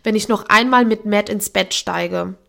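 A woman's voice: mid-range voice, moderate pace, creaky, a bit bright. A woman reading the lines of a young woman who teases her best friend on the phone in an audiobook. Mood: teasing. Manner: dry, teasing.

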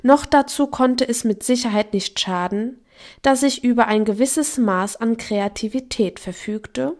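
Calm young woman reading an audiobook. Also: a little high, a little slow. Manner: calm, intimate, dropping to a hush in sad parts. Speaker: audiobook narrator. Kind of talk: first-person audiobook narration.

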